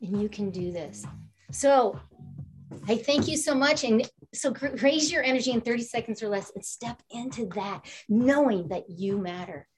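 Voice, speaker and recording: A woman's voice: on the high side, expressive, moderate pace, soft background music. A woman author speaking on a panel, giving an upbeat, inspirational motivational talk.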